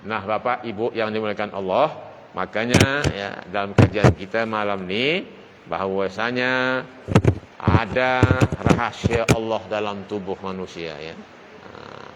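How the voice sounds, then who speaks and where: A man's voice: on the low side, unhurried, in a large hall, heavy background noise. A male preacher giving an evening religious study lecture, speaking straight to his listeners with emphatic storytelling. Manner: addresses the audience directly, emphatic storytelling. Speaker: Islamic preacher.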